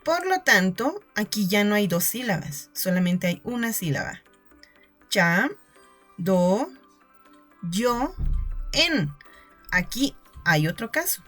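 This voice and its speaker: A woman's voice: mid-range voice, very animated, moderate pace, a bit bright, faint music behind. A woman teacher giving a recorded lesson, explaining step by step and checking in with her students. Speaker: secondary school teacher.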